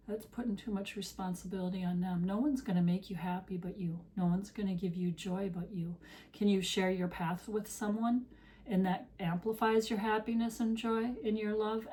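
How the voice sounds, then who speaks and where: A woman tarot reader speaks straight to her audience in a heartfelt, preachy monologue. Her voice is mellow and warm, and it sounds a little worn, as if she is losing it. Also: mid-range voice. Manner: earnest, preachy, direct address. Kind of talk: spiritual encouragement monologue.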